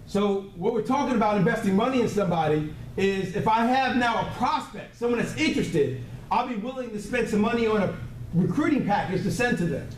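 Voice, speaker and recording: In a training room full of people, a man with a high, brisk voice and lively intonation gives a motivational sales talk. He's blunt, hammers key words through repetition, and keeps checking the group is following; the distant mic picks up room echo and faint noise.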